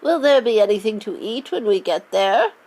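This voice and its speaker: A woman's voice: medium pitch, expressive, normal speed, a little mellow. A woman voicing a frightened, bedridden old grandmother in a storybook reading, shrieking and dragging out her words. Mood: complaining.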